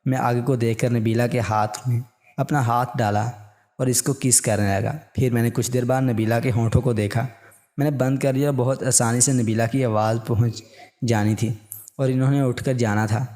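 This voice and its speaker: A man narrating a written story in a calm, steady reading voice. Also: medium pitch.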